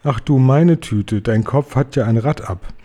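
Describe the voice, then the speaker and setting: A man's voice: mid-range voice, expressive, moderate pace, warm tone, husky. A man voicing a big friendly male giant who boasts and mangles his words, drawn out and exclaiming in a raised voice. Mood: indignant.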